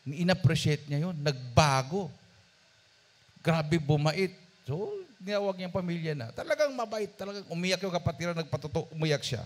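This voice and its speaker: A male preacher telling a story in a sermon, addressing his congregation directly and swinging between loud emphasis and quiet asides. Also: fairly high pitch, lively intonation, normal speed. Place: church service.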